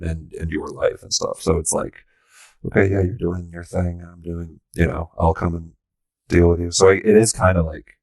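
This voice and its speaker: A man's voice: low-pitched, vocal fry, darkish tone, slightly rough. A man co-hosting a casual film podcast, rambling through his points with many restarts. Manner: rambling, halting, many fillers. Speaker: podcast co-host.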